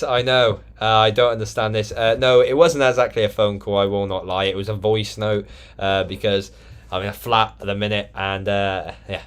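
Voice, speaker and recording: A man hosting a live football watchalong from his flat, commentating on the match and chatting with viewers in the live chat. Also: lowish voice. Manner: chatty, answers live chat, bursts into shouting at goals. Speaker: live-stream host doing fan commentary. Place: flat indoors.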